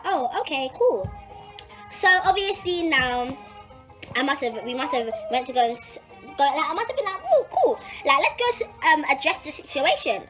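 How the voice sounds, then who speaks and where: The recording is rough, and the young London woman's voice sits high as she chats animatedly about her own experience. She uses slang and repeats phrases to drive points home.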